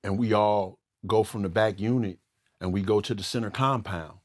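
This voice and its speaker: A man's voice: fairly low pitch, normal speed. A man guest in an interview, recalling his past hesitantly with many fillers. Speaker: podcast guest, former prisoner. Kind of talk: interview storytelling.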